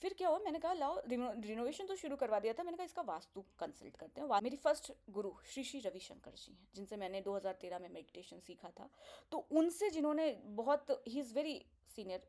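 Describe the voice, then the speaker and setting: Middle-aged woman host, mellow and slightly high, chatty storyteller who acts out the dialogue. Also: expressive, a little fast. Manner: mixes Hindi and English, acts out quoted dialogue. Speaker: spiritual teacher and video host. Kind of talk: casual storytelling.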